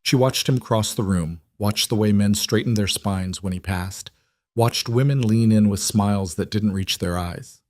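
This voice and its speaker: Deep-voiced man narrating dramatic romance. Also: darkish tone. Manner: measured, dramatic storytelling. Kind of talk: scripted narration.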